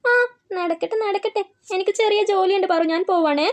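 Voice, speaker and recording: A woman's voice: very high-pitched, brisk. A woman voicing a young older-sister figure in a cartoon, cooing to a baby in baby talk. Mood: breezy. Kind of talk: cartoon voice acting.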